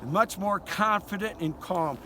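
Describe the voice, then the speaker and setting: A man's voice: high-pitched, a little slow. An older man with a folksy, conversational manner, giving a casual hunting lesson as a duck calling instructor. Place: outdoors by a river. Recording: noisy outdoor recording with ambience. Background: outdoor noise, duck call quacks.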